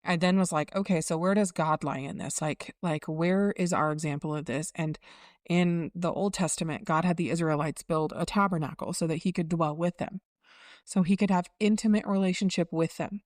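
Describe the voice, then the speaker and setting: Low-voiced woman musing on faith. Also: steady tone, moderate pace, darkish tone, dry recording, clean studio sound. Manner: reflective, circling back, teaching tone. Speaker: podcast co-host. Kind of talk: casual faith chat.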